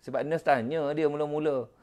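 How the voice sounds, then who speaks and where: A middle-aged man with a Malaysian Malay accent who tells a personal story as a preacher. He talks with animated exclamations and speaks directly to his listeners. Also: on the high side, brisk. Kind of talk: storytelling religious talk.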